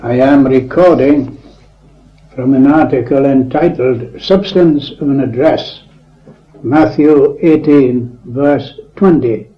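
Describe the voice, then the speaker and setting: A man preacher reading a written address aloud in a solemn, measured way, heard on an old tape recording. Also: mid-range voice, highs cut off.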